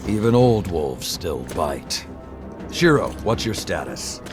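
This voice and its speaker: An actor playing a stern old warrior lord in a video game, commanding and deliberate in manner. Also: male voice, low voice, sing-song, full character voice. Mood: proud. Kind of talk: cinematic video game acting. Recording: loud music under the voice. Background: loud game score.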